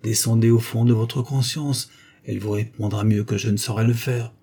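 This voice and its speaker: A man's voice: mid-range voice, fairly even intonation, moderate pace, gravelly, mellow. A man reading the part of a proud, scornful young former governess, with a cold, ironic, cutting delivery. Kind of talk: audiobook dialogue reading.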